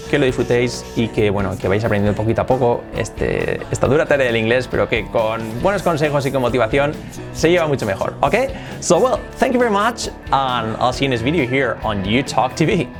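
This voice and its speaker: A man teaching an English lesson, repeating example sentences slowly, chatty and encouraging. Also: mid-range voice, lively intonation, music in the background. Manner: chatty and encouraging, with light laughs. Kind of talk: online language lesson.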